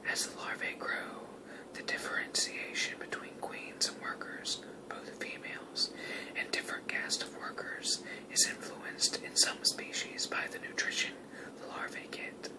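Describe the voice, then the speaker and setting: Someone whispering a nature explainer asmr style, all hushed like theyre watching wildlife. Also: measured pace, rough recording. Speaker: nature video narrator.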